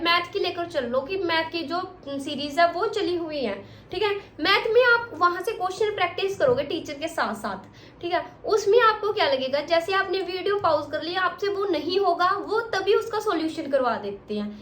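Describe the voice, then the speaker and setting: A woman's voice: very high voice, fairly bright tone, a little hiss or hum. A woman coaching exam students, talking directly and scolding them while repeating her points. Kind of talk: motivational study advice to students. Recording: echoey room with faint ambience.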